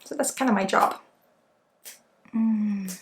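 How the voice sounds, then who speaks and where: A Swedish woman with a Swedish accent, an energy healer and ASMR host, leads an unscripted spiritual healing session, soothing, informal and reassuring. Her medium-pitched voice is slow, with faint music behind it and a slight hiss or hum on the recording.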